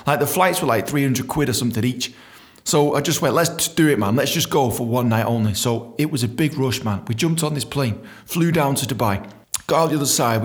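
Animated, swearing comedian. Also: male voice, medium pitch. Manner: swears a lot, loose and animated, laughs at his own stories. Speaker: stand-up comedian. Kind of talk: comedic storytelling monologue.

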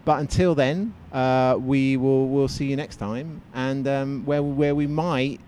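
A man's voice: medium pitch, steady tone, measured pace, dark tone. A British man co-hosting a podcast in casual chat, bantering and asking questions. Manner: bantering, interjecting, inquisitive. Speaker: podcast co-host. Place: walking outdoors in London. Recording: outdoor street with faint traffic noise.

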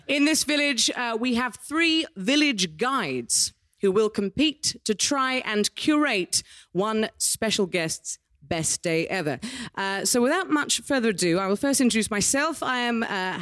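A woman's voice: fairly high pitch, lively intonation, a little slow, a bit bright. A woman with a British accent hosting a live game show on stage, ad-libbing with playful, quirky asides. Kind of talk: light, ad-libbed live stage presenting. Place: small theatre stage in front of an audience.

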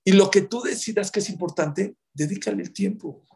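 A man's voice: normal speed, gravelly, a little mellow, slightly rough. A man who gives marriage advice to an audience, speaking emphatically and counting off his points. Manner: emphatic, counts off points, acts out quotes in sudden high outbursts. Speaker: religious advisor on marriage.

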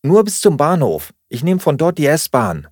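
A man's voice: fairly high pitch, wildly swooping pitch, a little mellow, dry recording, studio quality, pitched above the performer's own voice, heavily acted. A man doing a flustered young woman in a rush. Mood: excited. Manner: hurried and pleading.

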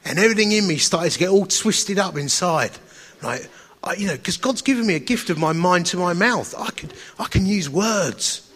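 This preacher, a man from Essex, England, with an Essex accent, shares personal anecdotes in a sermon to an audience, sounding chatty, wry and self-deprecating. His voice is high-pitched and a bit bright, with lively intonation and a moderate pace.

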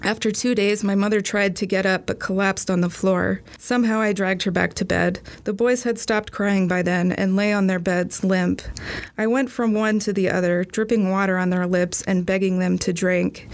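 A woman giving a steady, measured first-person storybook reading. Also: mid-range voice. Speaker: narrator.

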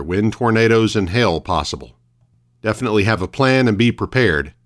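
A man reads local radio news as the host. His delivery is formal and measured, in a mid-pitched voice, like a scripted morning bulletin of announcements. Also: fairly bright tone.

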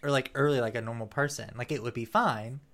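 A podcast co-host chatting casually, rambling through a prank idea with lots of fillers. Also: male voice, medium pitch, fast. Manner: rambling, animated storytelling. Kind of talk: casual chat.

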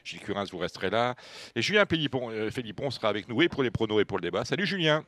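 A man's voice: medium pitch, very animated, rapid-fire, fairly bright tone, no room sound. A man hosting a horse racing radio show, chatty and joking as he leads the talk. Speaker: radio host.

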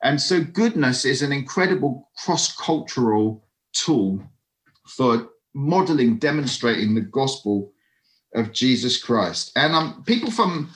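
Man preaching a lively, chatty sermon. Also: medium pitch, unhurried. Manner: lively, conversational preaching with asides. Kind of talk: conversational sermon.

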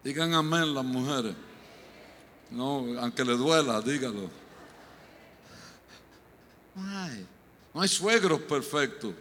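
A man preaching a humorous sermon, joking and animated, building up to loud exhortation. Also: medium pitch, slow, long pauses, slight background noise. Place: church sanctuary. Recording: long hall reverb.

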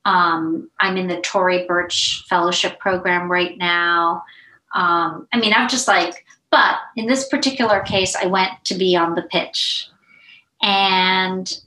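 A middle-aged woman, a beauty brand founder, telling stories in a casual interview, animated and chatty with many asides. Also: on the low side. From United States. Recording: roomy echo.

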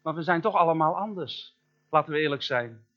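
A man preaching a sermon as a pastor, chatty and joking, asking the congregation questions and slowing down to stress key words. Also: fairly high pitch, expressive, highs cut off. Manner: conversational and joking, asks the listener questions.

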